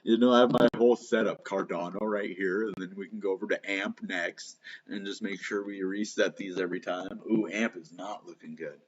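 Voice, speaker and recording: Brisk and with few pauses, a man missing his front teeth hosts a crypto channel, giving rambling live market commentary packed with "you know," "like" and other fillers. His low voice holds a steady tone, captured in slightly dull, lo-fi sound.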